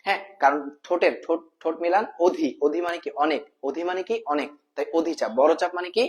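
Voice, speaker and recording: A man's voice: on the high side, fast talker. A man teaching a math lesson in a casual spoken way, repeating each term and asking the viewer questions, addressing them as brother. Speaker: math tutor.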